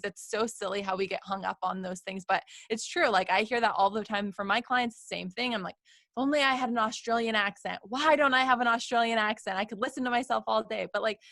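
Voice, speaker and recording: A woman with a mid-range, slightly bright voice hosts a podcast as a coach, chatting in a casual interview style that is upbeat and encouraging, often checking in with "right?". The recording is dry and studio quality, made over a video call.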